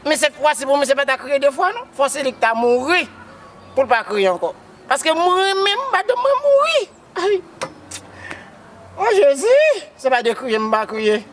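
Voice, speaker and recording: A man's voice: extremely high pitch, big pitch swings, moderate pace, a bit bright, slight background noise, heavily acted. A man playing a wailing Haitian widower. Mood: grieving. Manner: repeats words, cries out to Jesus. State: wailing and sobbing. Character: grief-stricken man mourning his dead wife.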